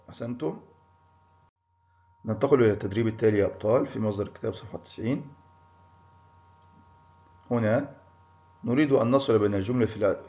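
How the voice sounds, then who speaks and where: A man's voice: on the low side, mellow. A man teaching a primary school grammar lesson, encouraging pupils and praising them by name. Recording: muffled lo-fi recording.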